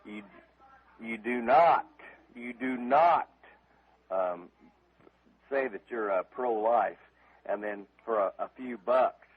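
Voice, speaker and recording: A man's voice: medium pitch, breathy edge. Stammering angry man on a voicemail. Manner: enraged, stammering, many pauses and fillers. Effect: answering machine voicemail over a phone line. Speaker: caller leaving a voicemail. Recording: tinny phone line voicemail.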